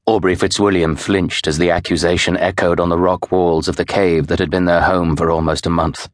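Man, audiobook narrator, very low voice, measured storytelling, dry studio. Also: little pitch movement, no room sound. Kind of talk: scripted narration.

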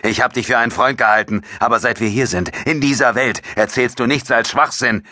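A man's voice: mid-range voice, steady tone, brisk, bright, forceful tone, no echo, clean studio sound, pitched above the performer's own voice, close to an everyday voice. A male narrator voicing a grim, angry male soldier who speaks in curt accusations in an audiobook.

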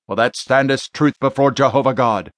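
A man voicing a stern, forceful exorcist. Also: mid-range voice, moderate pace, no echo, voice pushed up, lightly acted. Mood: commanding. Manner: forceful, insistent commands. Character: commanding male exorcist, stern and confident. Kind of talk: audiobook character voice.

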